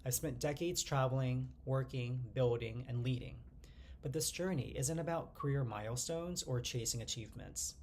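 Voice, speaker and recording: A man in his forties from the United States, speaking to the camera in a measured, earnest personal monologue as the channel's host. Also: medium pitch, a little hiss or hum. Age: 40s. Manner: earnest, measured delivery in short phrases, glancing at notes.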